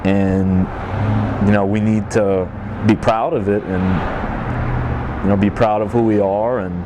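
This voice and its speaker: A man's voice: fairly low pitch, steady tone, slow pace. A man with a Cajun accent talking casually in an interview, hesitating and repeating himself as he explains or tells stories. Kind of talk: casual interview and joke telling. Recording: noisy outdoors with traffic.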